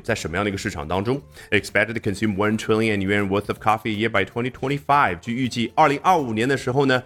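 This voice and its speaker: Lively male English teacher. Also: on the low side. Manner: lively, reads English passages aloud then breaks them down. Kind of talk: explaining an English news article in Chinese.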